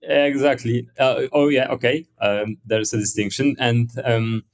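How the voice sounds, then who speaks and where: A man's voice: mid-range voice, steady tone, measured pace. A man hosting a podcast interview who often stammers and restarts his words as he asks questions. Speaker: podcast host.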